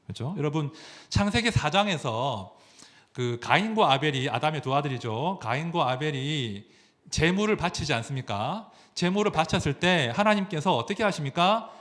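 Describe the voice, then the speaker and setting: A man's voice: on the high side, expressive, moderate pace, a bit bright. A man, a pastor, preaching a sermon, asking the congregation questions as he goes.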